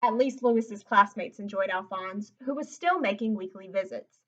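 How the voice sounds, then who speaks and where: On the floor at home, a woman reads from a picture book and chats between passages, keeping explanations simple for young children. Her mid-range voice is a bit bright and comes at a normal speed through a muffled recording.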